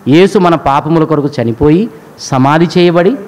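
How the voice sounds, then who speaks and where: A man's voice: fairly high pitch, normal speed, darkish tone, low-quality recording. A man preaching a sermon, addressing the congregation with frequent rhetorical questions. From India.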